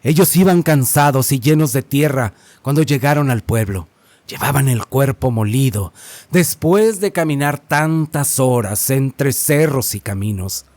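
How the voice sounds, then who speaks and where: A man narrating a horror story in an expressive, dramatic manner. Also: mid-range voice, unhurried, no room sound.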